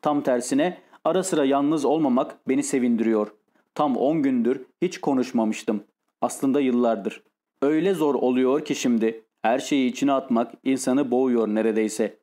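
A man voicing a tormented, lonely, nervous man who speaks in a halting, pained way in an audiobook. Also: mid-range voice, mellow, natural voice. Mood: troubled.

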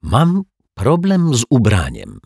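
A man's voice: very animated, slow pace, breathy edge, no room sound, clean studio sound, full character voice. A man voicing a nervous, flustered middle-aged male caretaker who talks in a fretful, pleading way. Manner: fretful, pleading, higher pitched.

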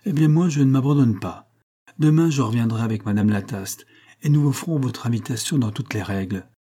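A man reading aloud voices a vain, jovial man who laughs at everything and insists loudly. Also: medium pitch, fairly quick, close to an everyday voice. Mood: insistent.

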